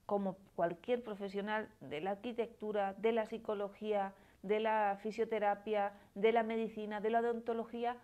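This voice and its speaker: A woman in her forties with a Málaga accent explains ideas on a live stream, reading out viewers' comments and answering them. Her pitch sits in a middle range. She talks in an explanatory way, often tagging her points with a questioning "¿no?". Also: little pitch movement, normal speed, hardly any pauses, narrow, tinny audio. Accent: Spanish from Málaga. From Spain. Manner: explanatory, tags phrases with questioning "¿no?". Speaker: psychoanalyst.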